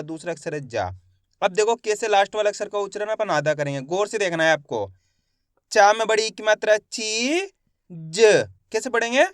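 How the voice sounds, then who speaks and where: A young man gives a patient reading lesson, stretching each syllable and asking the viewer questions as he goes. His voice is smooth and clear. It sits close to the mic with no room sound. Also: high voice, a bit bright, no room sound. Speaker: Hindi reading teacher. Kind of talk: step-by-step lesson for learners.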